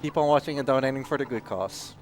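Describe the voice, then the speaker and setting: Speaking fast in a mid-range, somewhat dark voice, a man jokes around casually as he plays a video game live. He's a speedrunner at a gaming marathon event, and game music plays in the background.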